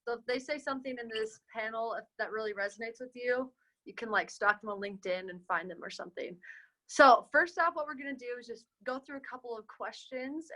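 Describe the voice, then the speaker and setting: A young woman moderates a casual student webinar over a video call, upbeat and chatty, moving quickly from one thing to the next. Her voice is a little high and sharp, and the recording quality is low.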